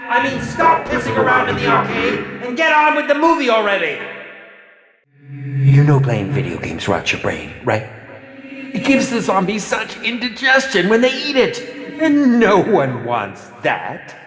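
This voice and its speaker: This video game villain is a cruel, pompous film director and announcer, voiced high and heavily acted, swooping wildly between sneer and shout. He stretches his words out slowly with theatrical, sarcastic condescension, mocking and droll. His voice rings through a reverberant hall over music.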